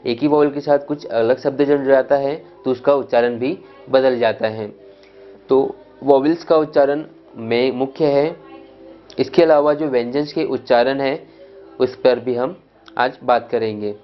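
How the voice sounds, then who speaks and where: Guy teaching english sounds, reads word lists real slow, dull lo-fi audio. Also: mid-range voice, steady tone, soft background music. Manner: reads word lists slowly, checks with "clear?". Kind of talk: pronunciation lesson.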